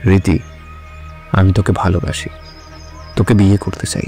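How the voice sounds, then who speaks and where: A young man voicing a restless, quick-tempered young husband in an audio drama, talking insistently. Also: a little high, sing-song, faint music behind. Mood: tender. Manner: insistent, rising to anger.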